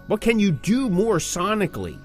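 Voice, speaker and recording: A podcast co-host with a high-pitched male voice that swoops wildly talks casually about the music industry at a moderate pace. He speaks emphatically and poses rhetorical questions, with soft music behind him.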